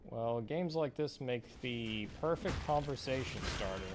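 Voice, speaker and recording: A man streaming a game, chatting casually and relaxed, with frequent fillers. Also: medium pitch, measured pace, background noise. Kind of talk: casual chat while gaming. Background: game music.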